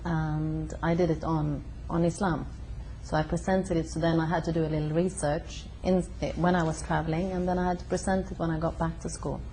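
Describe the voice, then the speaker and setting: Young Swedish-born woman, low, warm voice, halting with fillers, faint hiss. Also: little pitch movement, rough recording. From Sweden. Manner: hesitant, many fillers and pauses. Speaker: interviewee. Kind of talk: casual conversation. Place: her home.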